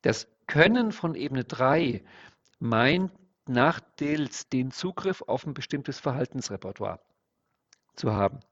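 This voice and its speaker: A man's voice: mid-range voice, animated, slow pace, a bit bright. A man who works as an NLP trainer, explaining his ideas step by step in an interview. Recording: dull lo-fi sound.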